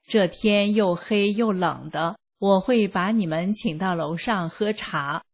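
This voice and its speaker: Slow, breathy woman reading aloud. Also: mid-range voice. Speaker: reader. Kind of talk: scripted first-person narration.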